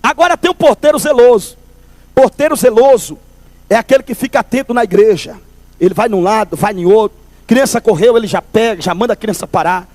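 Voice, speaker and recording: Guy w a doing a funny church testimony, really high voice, dry sound. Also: fairly quick, no echo. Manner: lively storyteller, calls listeners brother. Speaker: testimony speaker at a church service. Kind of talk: humorous testimony storytelling.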